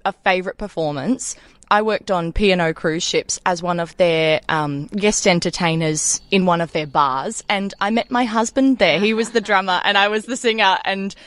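A woman singer, speaking frankly and quickly as an interview guest. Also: on the low side, fairly bright tone, no room sound. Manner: quick and frank, laughs easily. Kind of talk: casual interview.

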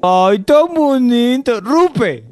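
A man's voice: very high voice, expressive, very slow, darkish tone. Man cooing baby talk into a phone. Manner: baby talk, teasing and persistent. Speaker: prank caller. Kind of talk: prank phone call.

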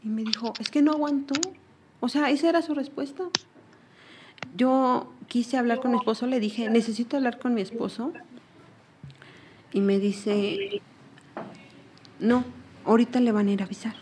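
A woman's voice: a little high, steady tone, moderate pace, pauses often, crowd noise. Earnest Mexican woman giving testimony. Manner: earnest, repeats herself while retelling. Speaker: interviewee. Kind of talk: personal testimony.

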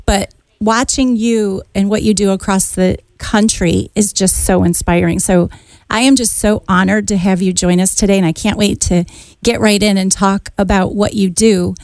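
A woman's voice: medium pitch, fairly even intonation, moderate pace, darkish tone, dry recording. A woman hosting a radio show, who interviews her guest with gushing enthusiasm.

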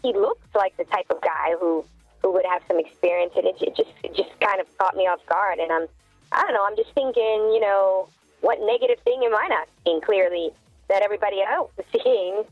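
A woman's voice: medium pitch, a little fast, no echo. A woman in her twenties calling in with her voice run through a voice changer, talking hesitantly with many "I mean" and "you know". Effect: voice changer disguising the voice. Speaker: caller. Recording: tinny phone line, dry, faint music.

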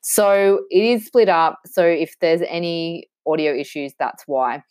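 A woman's voice: fairly low pitch, a little slow, a little mellow, clean tone, dry recording. An Australian woman in her thirties hosting a podcast, chatty and upbeat, introducing her guest with a few fillers and self-corrections. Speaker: podcast host.

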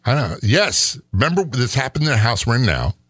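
A man's voice: mid-range voice, big pitch swings, brisk, a bit bright, dry recording, studio quality. A middle-aged man co-hosting a casual chat, skeptical and sarcastic, often rambling. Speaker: podcast co-host.

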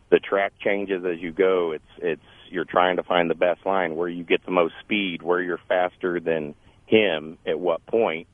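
Deep-voiced male caller on a phone line. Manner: informal, thinking aloud with restarts. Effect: heard over a phone line. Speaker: radio show caller. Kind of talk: casual phone-in chat. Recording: tinny dry phone line.

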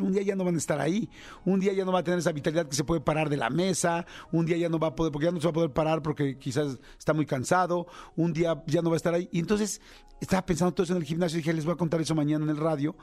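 A middle-aged Mexican man with a Mexican accent, a radio host chatting casually with quick asides. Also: high voice, a little mellow. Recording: radio broadcast with music bed.

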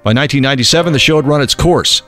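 Male narrator for a news feature, brisk read, soft music bed. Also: medium pitch.

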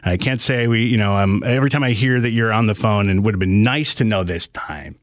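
A man's voice: on the low side, fairly quick, dry recording. A middle-aged man hosting a casual radio call-in show from a studio, rambling and hesitant as he chats. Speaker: radio talk show host. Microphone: close studio microphone.

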